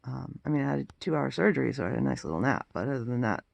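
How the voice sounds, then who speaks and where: Exhausted, very gravelly, croaky man. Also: medium pitch, animated, very fast, no echo, dull audio. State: exhausted and groggy; throat rough after intubation. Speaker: vlogger. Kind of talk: casual personal health update to camera.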